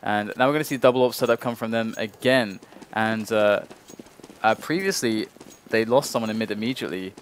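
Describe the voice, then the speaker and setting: A man's voice: on the low side, a little fast, a little hiss or hum. A man working as an esports caster, giving analytical, explanatory live commentary on a shooter match.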